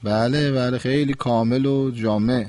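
A man's voice: mid-range voice, fairly even intonation, a little mellow, no room sound. A man hosting a call-in radio lesson, patiently correcting callers' Quran pronunciation. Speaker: radio host and Quran recitation teacher.

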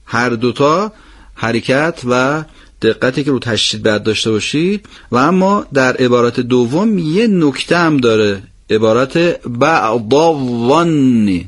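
A man leads a recorded recitation lesson in a mid-pitched voice. He explains each pronunciation rule, puts questions to his students and answers them himself. Then he reads the example phrases slowly. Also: animated. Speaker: Quran recitation teacher.

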